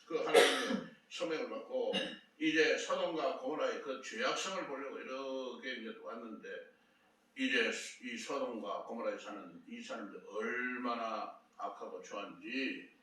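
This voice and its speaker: A man preaching a sermon as a pastor, telling the story with lively acted-out dialogue. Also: mid-range voice, unhurried. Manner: animated storytelling, acting out dialogue. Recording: echoey room, from far off, faint noise.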